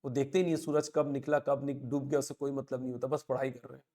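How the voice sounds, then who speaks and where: A man's voice: mid-range voice, flat delivery, fast talker, dark tone. Motivational Hindi coaching teacher, man. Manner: motivational, conversational, addresses students by name. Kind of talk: live online class lecture.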